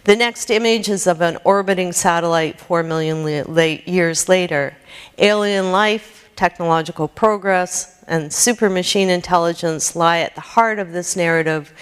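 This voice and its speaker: A woman giving a keynote lecture, reading a prepared academic text in a measured way, with occasional slips and restarts. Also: fairly low pitch, clear, resonant tone. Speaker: keynote speaker. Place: lecture hall with projected slides. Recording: reverberant lecture hall.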